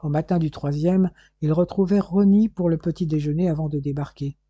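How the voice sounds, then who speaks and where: A man reads a novel aloud in calm, measured narration. His voice sits a little high but sounds very dark, mellow and husky. The recording is dry and slightly dull, with no room sound. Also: no echo. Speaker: audiobook narrator. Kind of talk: scripted narration.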